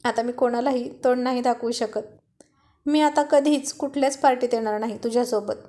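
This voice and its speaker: Guilty, flustered young wife in an audio story, high mellow voice, read by a woman. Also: steady tone, fairly quick, natural voice. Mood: scolding.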